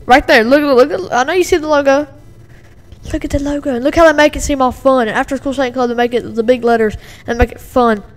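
A woman's voice: high voice, quick pace. A woman giving a casual, agitated reaction commentary from home, rambling with many fillers and repeats. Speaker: video commentator. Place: home with a dog and a TV in the background.

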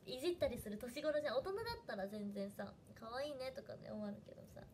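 A woman's voice: on the high side, animated, racing, a little mellow, a little hiss or hum. A young woman with a Hiroshima dialect, chatting casually on a livestream and thanking viewers by name. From Fukuoka, Japan. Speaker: idol trainee livestreamer.

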